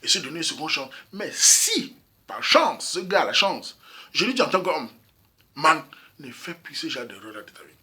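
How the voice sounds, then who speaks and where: A man's voice: a little high, sing-song, moderate pace, bright, forceful tone, breathy edge. A man from Cameroon giving a casual opinion monologue on a couple's problems, emphatic and repetitive, often speaking straight to his listeners. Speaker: YouTube commentator. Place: Europe.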